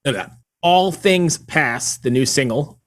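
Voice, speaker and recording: Higher-pitched male podcast host. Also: animated, slow pace. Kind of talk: casual interview.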